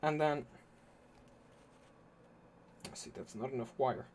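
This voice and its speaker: A man's voice: mid-range voice, fairly even intonation, takes it slowly, darkish tone, a little hiss or hum. A man streaming live, chatting casually and thinking aloud as he explains his setup, his voice a little worn from talking.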